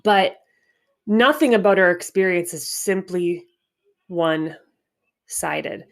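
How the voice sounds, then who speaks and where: Hosting a podcast about spiritual wellness, a congested-sounding woman talks slowly and thoughtfully, frequently starting over mid-thought. Her voice sits fairly low.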